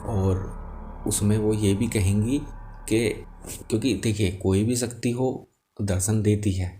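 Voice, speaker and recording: A man speaking as a spiritual teacher, explaining devotional matters to viewers in a calm, gentle and patient way. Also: lowish voice, takes it slowly, slight background noise. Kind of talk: spoken religious explainer to viewers. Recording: music behind the voice. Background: music.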